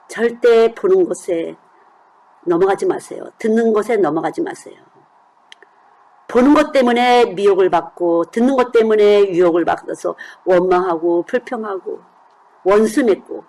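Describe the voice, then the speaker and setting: A woman's voice: mid-range voice, a little mellow, poor audio. Woman preaching a chatty sermon. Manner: conversational, asks the congregation questions. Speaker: children's missionary preacher.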